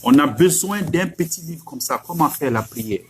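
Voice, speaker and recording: A man's voice: fairly high pitch, animated, moderate pace, slight background noise. A middle-aged man from Africa, preaching emphatically and asking rhetorical questions. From West Africa. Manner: emphatic, rhetorical questions, repeats lines for effect. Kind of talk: religious exhortation.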